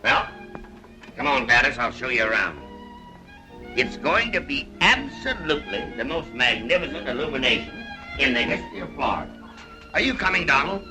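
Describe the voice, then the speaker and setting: A man's voice: mid-range voice, sing-song, normal speed, close to an everyday voice, low-quality recording. An actor playing a boisterous, showman-like American millionaire in a 1930s film. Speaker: American millionaire castle owner. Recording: old film soundtrack with music.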